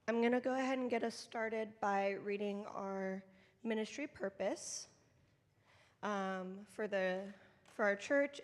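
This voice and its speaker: A woman's voice: medium pitch, big-room sound. A woman who leads a children's ministry, speaking informally to a group of volunteers at a training session in a church meeting room. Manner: informal and conversational, addressing a group.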